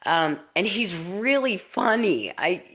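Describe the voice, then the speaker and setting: A woman with a low voice tells of a personal experience in casual, unscripted speech. Her intonation swings widely, and she rambles with many fillers and restarts as she talks. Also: very animated, takes it slowly, fairly bright tone, a little hiss or hum. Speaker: researcher and author sharing a personal experience. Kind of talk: casual spoken testimony.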